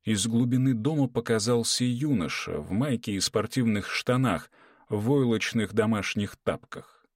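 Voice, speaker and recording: A man reading an audiobook in a measured, dramatic way. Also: lowish voice, dry recording, clean studio sound. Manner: measured, dramatic reading, voices characters in dialogue. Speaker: audiobook narrator. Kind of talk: scripted narration with character voices.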